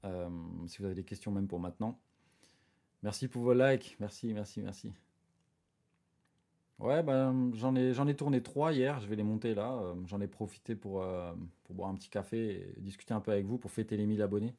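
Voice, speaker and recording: A man's voice: fairly low pitch, fairly quick. A man hosting his own live stream, talking casually and directly to viewers with lots of hesitations and restarts. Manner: relaxed, chatty, talks straight to viewers.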